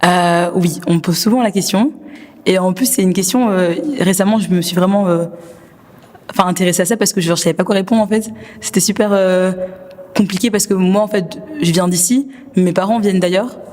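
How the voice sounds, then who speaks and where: A young woman from Belgium explaining her background quickly, with many fillers. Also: fairly low pitch, a little mellow, in a large hall. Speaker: interviewee.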